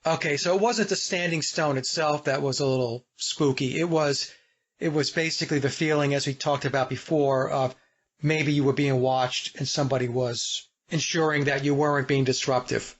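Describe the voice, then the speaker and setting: Steady American podcast host, dull audio. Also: male voice, medium pitch. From United States. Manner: deliberate, guiding, addressing listeners directly. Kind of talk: casual podcast interview.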